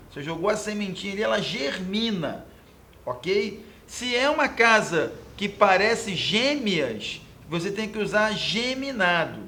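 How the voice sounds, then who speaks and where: A high-voiced man from Brazil walking through exam questions as a Portuguese teacher. He explains each answer patiently, points things out on the board and keeps checking in with his students. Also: gravelly, sharp tone, slight background noise. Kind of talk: exam question walkthrough lesson.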